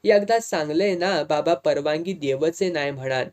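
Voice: medium pitch, moderate pace, darkish tone, natural voice. A reader doing a teasing young Malvani village woman. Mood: blunt. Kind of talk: audiobook dialogue reading.

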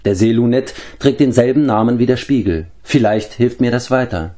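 A man's voice: medium pitch, moderate pace, mellow, lightly acted. A man voicing an earnest young male hero, a humble pig-keeper, in a storybook reading. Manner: earnest, hopeful.

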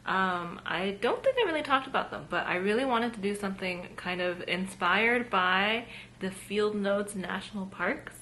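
A woman's voice: mid-range voice, moderate pace, pushed and bright, slight background noise. A young woman vlogging casually from her small home art studio, chatty and upbeat, with many ums. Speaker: artist vlogger. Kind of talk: casual vlog talk to camera.

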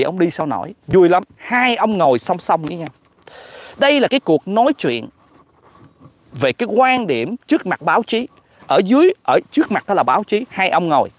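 Animated Southern Vietnamese man, high voice. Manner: animated, mocking, exclamatory. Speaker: political commentator. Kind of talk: casual political commentary vlog.

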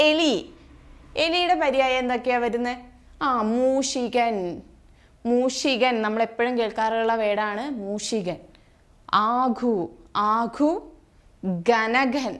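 A woman exam coach teaching synonyms, repeating each word and quizzing her listeners with questions. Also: fairly high pitch. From Kerala. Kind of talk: Malayalam vocabulary lesson.

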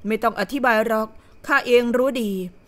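A woman voicing a gentle, wealthy young nobleman who speaks softly and calmly in an audio novel. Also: fairly high pitch, a little fast, lightly acted. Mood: sympathetic. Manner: soft, calm and soothing.

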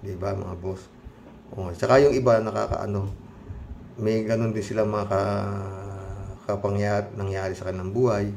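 A man's voice: fairly low pitch, flat delivery, normal speed, creaky, pauses often, slight background noise. A middle-aged man giving casual spoken commentary to viewers, emphatic and heated, firing rhetorical questions with frequent interjections. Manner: quieter and more subdued when reading comments and signing off.

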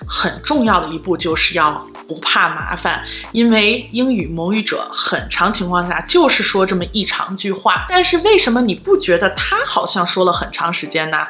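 Woman doing an english lesson, bright voice bouncing all over, roomy echo w faint music. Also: on the low side. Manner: explains pronunciation with repeated example phrases. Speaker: English teacher. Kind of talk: online language lesson.

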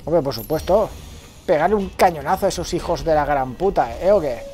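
A man, a let's play streamer giving excitable gameplay commentary and talking to himself. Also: a little high, a little fast, over music. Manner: excitable, swears freely, talks to himself.

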